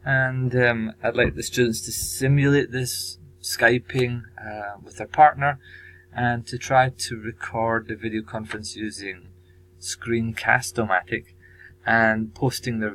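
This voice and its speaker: A man teacher presenting his language course tasks, measured and pausing often with ums. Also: on the low side, a bit bright, rough recording. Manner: measured, with frequent ums and pauses. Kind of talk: recorded presentation.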